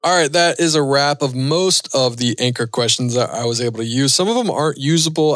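A man in his thirties talks casually through listener questions on a podcast, easygoing and unhurried, stopping for small fillers as he thinks. His voice sits at an ordinary middle pitch. The recording is dry and close, with no room sound. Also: fairly bright tone, no room sound. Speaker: podcast host and pilot.

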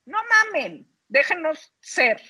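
A woman's voice: high voice, very animated, slow, pushed and bright. A Mexican woman co-hosting a podcast, complaining in slangy, casual banter with her friends. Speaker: podcast co-host. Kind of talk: casual chat.

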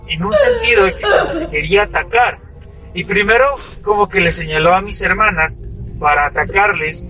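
High, bright-voiced man telling a story. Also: rough recording. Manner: halting, shaken retelling with many restarts. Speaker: storyteller sharing a personal experience. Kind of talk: first-person horror story telling.

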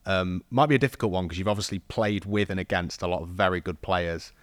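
A podcast host with a low voice puts questions to his guest in a quick, conversational way. The recording is dry.

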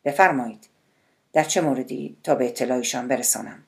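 A woman's voice: very deep voice, vocal fry. A woman voicing a polite, cautious male government spokesman. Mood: courteous.

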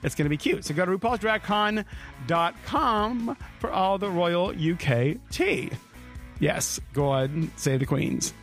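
A man's voice: high-pitched, lively intonation, unhurried, fairly bright tone, faint music behind. A man hosting in a campy, gushing, chatty way, full of playful drag slang. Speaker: podcast host and interviewer. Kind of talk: gushing, chatty event interview and presenting.

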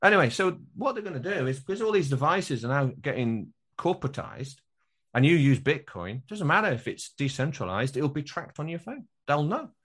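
Emphatic, higher-pitched man in conversation. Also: sing-song, a little fast, a bit bright, husky. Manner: emphatic, acts out imagined dialogue, repeats phrases for emphasis. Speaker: podcast guest, workshop trainer. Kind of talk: animated conversational interview talk.

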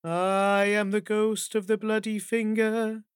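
A man voicing a creepy ghost of a bloody finger, wailing slowly and drawn out. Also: high-pitched, little pitch movement, smooth, dry recording, studio quality, voice pushed up. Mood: eerie.

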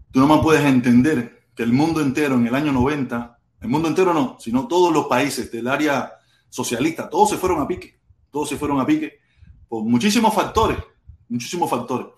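A man with a Cuban accent hosting a casual live stream from home, animated and repeating his phrases as he reads viewer comments aloud. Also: mid-range voice. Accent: Cuban Spanish. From Cuba. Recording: roomy echo.

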